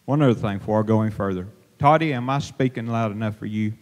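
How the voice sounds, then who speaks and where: A middle-aged lay preacher gives an informal sermon at the pulpit of a church sanctuary, speaking plainly and haltingly with many fillers and restarts. His voice is fairly low in pitch, captured on a handheld microphone held to his mouth, with the long reverb of a church hall.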